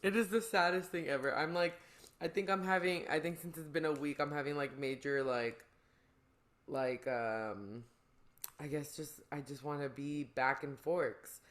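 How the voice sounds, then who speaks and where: A woman's voice: low-pitched, normal speed. A woman hosting a podcast, chatting casually in a rambling, slangy way. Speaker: podcast host. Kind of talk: casual chat.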